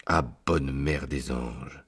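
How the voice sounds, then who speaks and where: A man's voice: rumbling low, fairly even intonation, slow, a bit bright, breathy edge, pitched below the performer's own voice, full character voice. A man voicing a fretful pleading village priest. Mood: dismayed. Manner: pleading, exclaiming. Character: anxious old village priest pleading for his flock.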